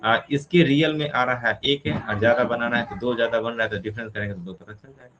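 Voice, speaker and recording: Male teacher, mid-pitched voice, talks through each step and quizzes himself, light hiss behind. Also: steady tone, fast talker, lo-fi sound. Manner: asks questions and answers them himself, counts step by step. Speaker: reasoning teacher. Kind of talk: explaining a classroom problem.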